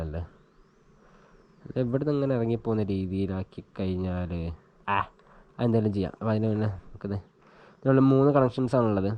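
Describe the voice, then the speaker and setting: A vlogger's fairly low voice comes through muffled from the action camera mounted on his helmet. He chats casually while demonstrating an installation, thinking out loud as he goes.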